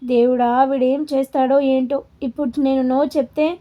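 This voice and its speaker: A woman's voice: high voice, steady tone, moderate pace, lo-fi sound, lightly acted. A woman voicing a stubborn, frustrated young woman who refuses orders in an indignant, defiant way.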